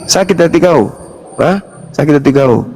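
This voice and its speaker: Confrontational male preacher, higher pitch, scolding and mocking in a heated debate. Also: moderate pace, darkish tone, a little hiss or hum. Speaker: Islamic preacher.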